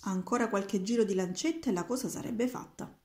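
An old storybook wizard, unhurried and smugly calm, voiced by a woman reading aloud. The tone is mellow and soft. The roomy space leaves a clear echo. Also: mid-range voice, close to an everyday voice. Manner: unhurried, unbothered. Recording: roomy echoing room.

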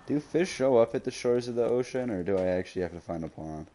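A man's voice: mid-range voice, animated, fast, warm tone. A man streaming a game, chatting casually with a friend, joking crude and laughing often. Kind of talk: casual gaming chat.

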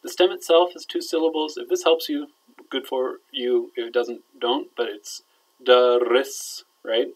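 Speaking in a steady tone at a moderate pace, a male Arabic teacher talks students through a grammar lesson in this roughly recorded lecture. He explains conversationally at a normal middle pitch, checking often that they understand, his phrases sinking softly at the close.

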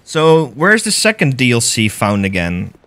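A young Dutch man with a mid-range voice and a Dutch accent streams a game live from an indoor gaming room, speaking at a measured pace. He's excitable, swears freely, and reads chat aloud while chatting with viewers and commenting on his gameplay.

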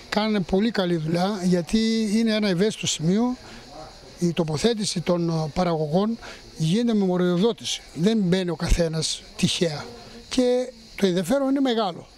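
A man in his sixties speaking haltingly in a news interview, as a municipal councillor, into handheld microphones outdoors. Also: high voice, darkish tone. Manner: halting, with pauses mid-sentence. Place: outdoor street market. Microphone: handheld press microphones.

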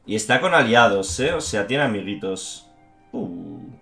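A man with a Spanish accent from Spain, commentating a strategy game with a fairly low voice. He swears often and complains in a fed-up way. The recording has a noticeable room echo with faint music behind it. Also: very animated, measured pace, vocal fry, pushed and bright. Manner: frustrated, swears a lot, says "tío". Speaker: gaming YouTuber. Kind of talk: gameplay commentary.

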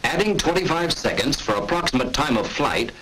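Narrating a military training film from the 1940s, a man reads a scripted instructional text with measured authority. His voice is husky, and his pitch moves up and down in a lively way. It has the poor audio of an old film soundtrack.

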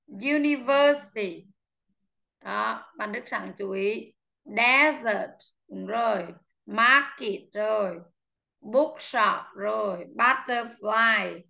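A woman teaching an online English class who patiently drills vocabulary pronunciation, repeats each word slowly and calls on students by name, heard over slightly muffled call audio. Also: on the high side, fairly bright tone. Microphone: video call.

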